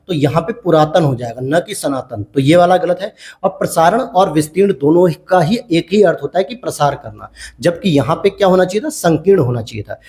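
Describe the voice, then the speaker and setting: A man's voice: fairly high pitch, dark tone. A man explaining test answers as a teacher, going question by question and repeating key answers back to viewers. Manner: addresses viewers as friends. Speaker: exam prep teacher.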